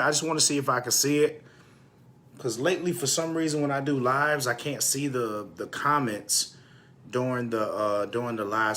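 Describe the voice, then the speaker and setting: A man's voice: medium pitch, pushed and bright, slight background noise. A man, a bit congested, chatting casually to viewers while hosting a livestream about home businesses. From Texas, US. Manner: chatty, repeats phrases, drops off to mutter while checking phone. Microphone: phone.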